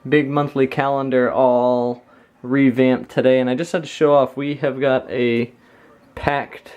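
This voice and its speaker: Casual vlog storyteller, mid-range voice, animated retelling with imitated reactions. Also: mid-range voice, unhurried. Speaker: vlogger. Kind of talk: casual storytelling chat to camera.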